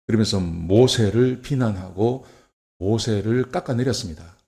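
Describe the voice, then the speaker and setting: A man preaching a sermon as pastor, talking conversationally with rhetorical questions and swinging from soft to emphatic. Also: on the low side, normal speed, vocal fry. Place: church.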